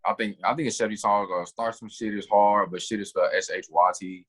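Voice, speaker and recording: Fast-talking husky man, casual podcast. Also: on the low side, steady tone, a bit bright, rough recording. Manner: fast, loose slangy talk with restarts. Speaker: podcast co-host. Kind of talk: casual chat.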